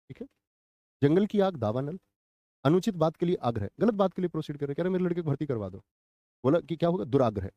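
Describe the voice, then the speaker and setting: A young man runs a live online exam class, firing off questions and repeating each answer for the viewers. His voice is mellow and dark, the pitch rising and falling a lot. The room around him is dry and close. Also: no echo. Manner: quizzing, repeats answers, addresses viewers as friends. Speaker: exam coaching teacher.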